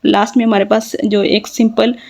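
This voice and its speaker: A woman giving a literature lecture, explaining step by step, checking in often with listeners, and switching into slow, deliberate English sentences. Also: medium pitch, little pitch movement, creaky, darkish tone. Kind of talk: classroom lecture.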